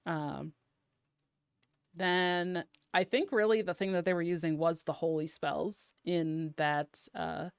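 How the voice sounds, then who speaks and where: A woman with a low, smooth voice chats about card games in a loose, filler-filled way. The sound is dry and close, with no room around it. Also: fairly even intonation, slow pace, no room sound. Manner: chatty, many ums and likes. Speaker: podcast guest. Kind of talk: casual card game discussion.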